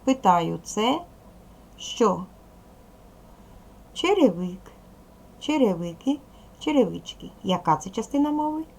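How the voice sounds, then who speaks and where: A woman teaching a video language lesson to young children, patient and slow, asking questions and waiting for answers. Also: fairly low pitch, creaky, a little mellow, breathy edge. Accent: Ukrainian. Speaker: primary school teacher.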